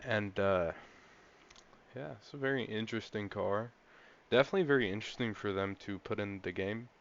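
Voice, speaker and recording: A young man giving casual, rambling gameplay commentary, an excitable car enthusiast talking through a car he's trying out. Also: fairly low pitch, brisk, gravelly, lo-fi sound, slight background noise. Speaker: gaming channel host.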